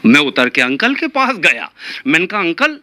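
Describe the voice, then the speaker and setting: A man performing stand-up comedy, telling stories with animated delivery and repeated lines for comic effect. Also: fairly high pitch, moderate pace.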